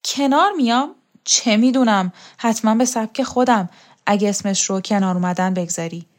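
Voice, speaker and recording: A proud, worldly older woman speaks in a storybook, her manner wry and reflective as she recalls the past. A woman voices her in her own even reading voice. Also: mid-range voice, natural voice. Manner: reflective, mocking.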